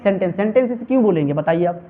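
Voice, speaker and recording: A man with a high voice runs a classroom grammar lesson at a quick clip, firing questions and repeating the answers. The sound is thin and tinny, like a phone line. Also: animated. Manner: call-and-response drilling, repeating questions to students. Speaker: English teacher.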